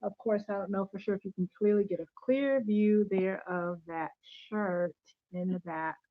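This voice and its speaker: A woman's voice: mid-range voice, normal speed, no echo, phone-quality sound. A woman hosting a casual faith-based livestream from home, chatty and upbeat, greeting viewers by name and thanking them. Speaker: channel host giving faith-based teaching.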